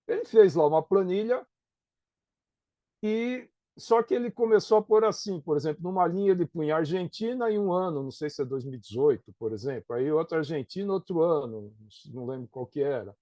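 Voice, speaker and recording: Higher-voiced Brazilian man explaining. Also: animated, brisk, dark tone, no echo, highs cut off. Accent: Brazilian Portuguese. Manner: conversational, tags points with "né?" and "tá?". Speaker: professor being interviewed. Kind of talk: explanatory interview talk.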